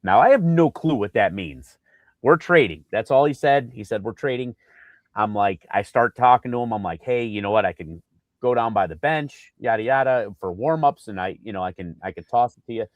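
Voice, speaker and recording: A man co-hosting a casual sports podcast, telling an animated story with lots of fillers and acted-out quotes. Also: lowish voice, a little fast, no echo, phone-quality sound. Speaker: podcast co-host.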